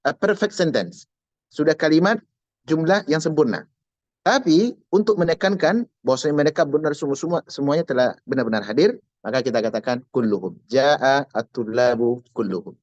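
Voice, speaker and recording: A man's voice: a little high, lively intonation, brisk, darkish tone, no echo, highs cut off. A man teaching an Arabic grammar class online, explaining patiently and repeating key words step by step.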